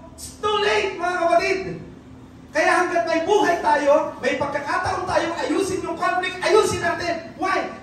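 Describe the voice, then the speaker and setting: A preacher with a high voice delivers a sermon in a mix of Tagalog and English, often quizzing the congregation. The voice is caught from a distance in a strongly echoing church hall with faint background noise. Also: a bit bright. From Philippines.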